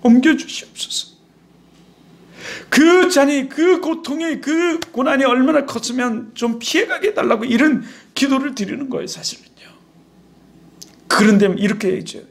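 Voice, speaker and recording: A male pastor preaching a sermon in an animated, conversational way with rhetorical questions. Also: very high voice, moderate pace, gravelly.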